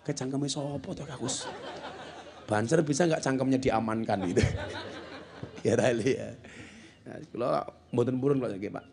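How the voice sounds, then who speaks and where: Brief: male Islamic preacher, comic sermon delivery, playful and storytelling, steady mid-range voice. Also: medium pitch, normal speed, vocal fry, pauses often, a crowd in the background. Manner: joking, mixes Javanese with Indonesian, acts out the people in his stories. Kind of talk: humorous sermon at a religious gathering.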